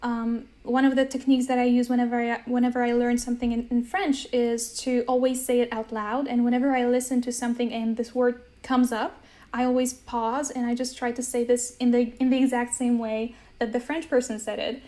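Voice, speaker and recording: Young woman, Polish native, American accent, slightly high voice, casual and chatty. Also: level tone, fairly quick, mellow. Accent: American English. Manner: chatty, uses many fillers, laughs easily. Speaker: language-learning guest. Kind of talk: casual conversation.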